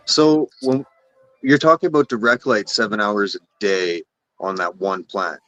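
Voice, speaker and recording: A man's voice: fairly low pitch, steady tone, unhurried, fairly bright tone, no room sound, dull audio, faint music behind. A man with a Canadian accent, a guest on a casual live stream, talking in rambling, self-correcting runs and swearing casually. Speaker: guest cannabis breeder.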